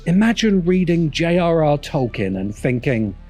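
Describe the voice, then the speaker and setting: A man hosting a video essay reads scripted polemical commentary in a dramatic, scornful, emphatic way, with a music bed playing beneath. His voice is fairly high, sing-song and dark in tone, at a normal speed.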